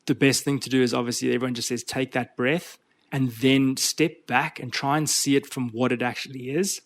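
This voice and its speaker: An earnest man talking as a guest on a podcast interview, sharing coaching ideas. His voice sits at a middle pitch, and he speaks in a motivational tone, often repeating a word as he searches for the next one. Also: steady tone, moderate pace. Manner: earnest, motivational, repeats words while thinking. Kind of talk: conversational interview.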